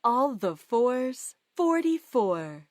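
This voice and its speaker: A woman's voice: on the high side, sing-song, no room sound, studio quality. A woman calling bingo numbers, giving each rhyme before the number. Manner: calls each number with its rhyme, slowly and clearly. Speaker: bingo caller.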